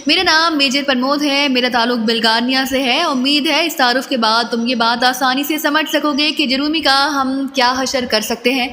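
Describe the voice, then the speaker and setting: A ruthless male spy interrogator, icy and threatening, as a woman puts him on in her own high voice. Her words hang in a long, reverberant echo. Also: steady tone, moderate pace, few pauses, bright, forceful tone, slight background noise. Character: cold, menacing male intelligence major.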